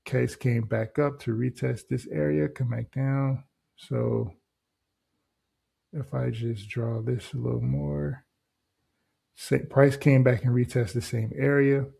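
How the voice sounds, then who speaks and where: A man hosting a trading channel, walking through a chart in a loose, casual way and tossing in "right?" and "boom" between steps. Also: fairly even intonation, slow, gravelly, dark tone, slightly rough. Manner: loose and conversational, heavy on filler words like "right?" and "boom". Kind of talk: casual screen-share trading walkthrough.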